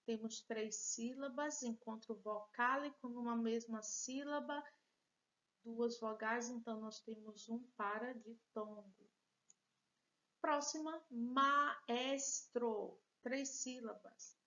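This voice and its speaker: Joking about her handwriting, a Brazilian Portuguese-accented teacher leads a patient, encouraging remote lesson that was recorded. She speaks slowly in a fairly high voice, and the highs are cut off.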